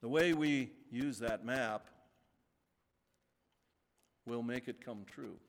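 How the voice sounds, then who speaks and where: A male pastor preaching a sermon in a church, speaking slowly with emphatic pauses. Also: medium pitch, vocal fry. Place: church sanctuary. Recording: long reverb of a large sanctuary.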